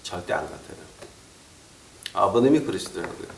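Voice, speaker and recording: Animated preacher in an echoey hall. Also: male voice, low voice, moderate pace, a little hiss or hum. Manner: animated preaching, acting out scolding relatives; slips short English phrases into his talk. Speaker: pastor. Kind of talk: sermon. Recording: roomy echo, mic far off.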